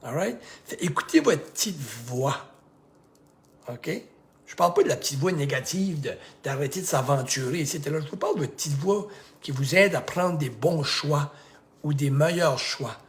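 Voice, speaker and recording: A man's voice: on the high side, expressive, normal speed. A middle-aged man with a Québécois accent, a life coach giving a casual, rambling motivational talk that repeats itself and acts out bits of dialogue. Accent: Québécois French.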